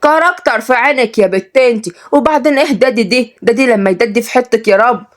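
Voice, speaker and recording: Fierce young Upper Egyptian nanny with a sharp tongue and a raised voice, as a woman storyteller does her. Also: mid-range voice, expressive, very fast, natural voice. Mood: scolding. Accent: Upper Egyptian Arabic. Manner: blunt, scolding, sharp-tongued.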